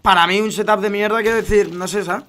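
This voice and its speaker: A young man from Spain chatting on a gaming stream, full of slang and calling everyone mate. His Spanish accent is plain, and he gets animated and loud as his stories build up. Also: sits high, brisk. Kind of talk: casual gaming stream chat.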